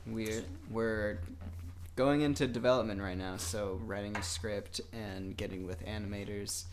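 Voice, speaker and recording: A man's voice: on the low side, fairly even intonation, unhurried, slight background noise. A man co-hosting a podcast, talking in a laid-back, rambling casual chat. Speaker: podcast co-host.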